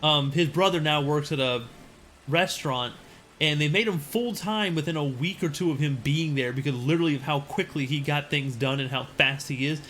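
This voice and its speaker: A man's voice: fairly high pitch, normal speed, fairly bright tone, soft background music. A man streaming a game and chatting casually, rambling with frequent restarts. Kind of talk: casual chat while gaming.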